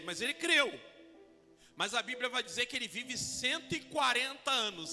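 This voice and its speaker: A man in his forties, a pastor preaching a sermon, halting with fillers and restarts and acting out quoted lines. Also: extremely high pitch, bright, forceful tone, in a large hall. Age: 40s.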